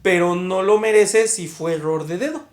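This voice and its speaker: A woman's voice: on the low side, normal speed. A young woman, a podcast co-host in casual conversation who argues her point at length and laughs at herself. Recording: echoey room.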